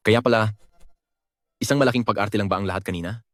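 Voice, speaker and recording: A man's voice: on the low side, quick pace, a bit bright, no echo, clean studio sound, lightly acted. A man dubbing a proud young prince in a period drama, clipped and brooding. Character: proud young male prince, guarded and intense.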